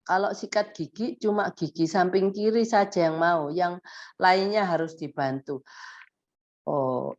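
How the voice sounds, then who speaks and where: A woman therapist giving gentle advice to parents in a live question-and-answer session, thinking aloud as she goes. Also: lowish voice, highs cut off.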